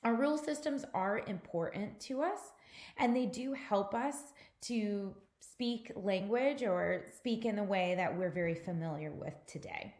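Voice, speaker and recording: A woman's voice: medium pitch, animated, measured pace, a little mellow, reverberant. A woman instructor delivering a recorded mini lecture, explaining patiently and speaking directly to her students. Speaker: course instructor.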